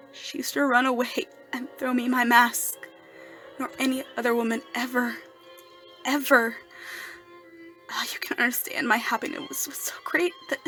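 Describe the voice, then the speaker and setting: Over music, a woman with a fairly high voice performs an amateur dramatic monologue as an anguished, lovesick, masked male outcast near death. Her delivery is halting and breathy, shifting between hushed murmurs and emotional outbursts.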